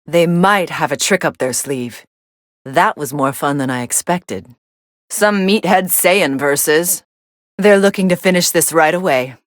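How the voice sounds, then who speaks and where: An actress playing a cool, sardonic young female android, commentating on fights in a video game with a deadpan, dismissive delivery. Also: low voice, measured pace, dry recording, studio quality. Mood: dry, unimpressed.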